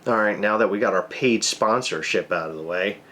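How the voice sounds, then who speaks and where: A man's voice: lowish voice, brisk, pushed and bright. A man co-hosting a casual chat, joking and whiny, and congested with a cold. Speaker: co-host.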